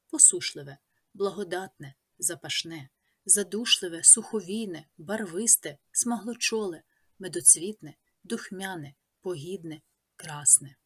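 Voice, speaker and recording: A woman teacher with a Ukrainian accent, reading a scripted lesson in a measured way and listing words one by one. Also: mid-range voice, a bit bright, husky.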